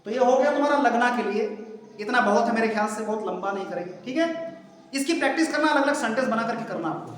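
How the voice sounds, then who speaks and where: A man's voice: very high voice, expressive, fast talker, fairly bright tone. A man with an Indian accent teaching spoken English in a patient, repetitive way, drilling example sentences over and over. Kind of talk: bilingual spoken English lesson. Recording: echoey room with long reverb.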